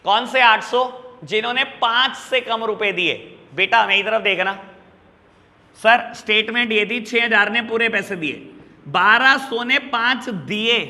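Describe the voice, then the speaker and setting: A man with a high, very bright voice explains an accounts lesson, addressing students fondly and mixing in English terms. His voice rings with a long reverb, as if he were teaching in a large hall. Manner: talks to students as "beta", mixes English terms into Hindi, teasing and explanatory. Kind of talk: classroom lecture.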